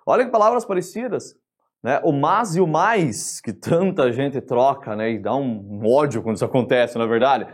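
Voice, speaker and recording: Husky-voiced Brazilian man teaching grammar. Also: mid-range voice, normal speed. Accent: Brazilian Portuguese. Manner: lively, chatty, asks the class questions. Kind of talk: online grammar lesson.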